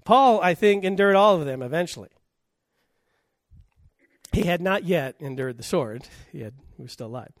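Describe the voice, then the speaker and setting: A man delivers a sermon as a pastor in a notably high voice. He is emphatic, firing rhetorical questions and letting his volume swell and drop. The sound is dry and close. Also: lively intonation, moderate pace, pauses often, no room sound.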